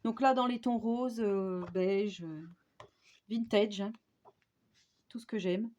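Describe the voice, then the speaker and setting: A woman's voice: medium pitch, takes it slowly, darkish tone. Chatty woman with a Franche-Comté accent. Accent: Franche-Comté French. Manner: chatty, with frequent "euh" and "hein" tags. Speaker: crafting YouTuber. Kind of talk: casual haul vlog.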